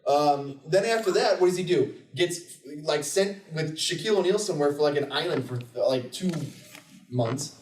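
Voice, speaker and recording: A young man rants his way through a movie recap, rambling and swearing and slipping into mocking voices for the characters. His voice sits a little high. He is set back from the mic in a roomy space with a faint hiss. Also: animated, moderate pace, distant mic. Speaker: podcast co-host. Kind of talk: casual chat, ranting movie recap.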